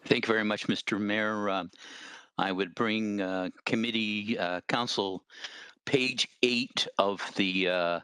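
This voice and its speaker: A man serving as a city councillor, moving a motion in a formal, deliberate way with some fillers. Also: lowish voice, steady tone, sharp tone, clean tone, dry recording.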